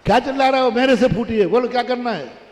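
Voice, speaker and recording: Man playing scolding old mother-in-law, high voice, quick retorts, echoey hall. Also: lightly acted. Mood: defiant. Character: sharp-tongued old mother-in-law, woman, protective.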